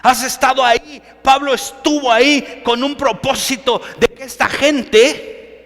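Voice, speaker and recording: A man's voice: very high voice, fairly even intonation, unhurried, fairly bright tone, in a large hall. A male pastor preaching a sermon with emphatic, direct questions to his listeners.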